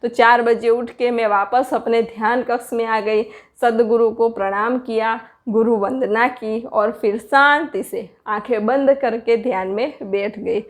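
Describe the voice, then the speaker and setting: A woman's voice: on the high side, fairly even intonation, a little slow, hardly any pauses. A middle-aged woman earnestly recounting her meditation experiences and preaching to listeners in a repetitive, direct way. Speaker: spiritual speaker sharing meditation experiences. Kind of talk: personal spiritual talk.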